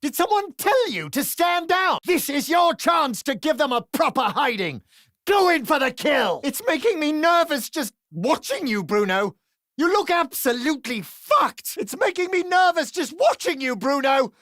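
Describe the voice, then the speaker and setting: A man with a British accent voicing a crude, sardonic male adventurer who trades cheeky, quick-witted quips in a video game. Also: extremely high pitch, sing-song, a bit bright, no room sound, clean studio sound, heavily acted. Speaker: playable game character.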